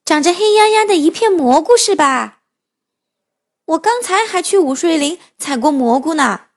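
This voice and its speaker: Storybook crow, friendly and smiling, high and lively, played by a woman. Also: normal speed. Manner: warm, smiling. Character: friendly crow who cooks.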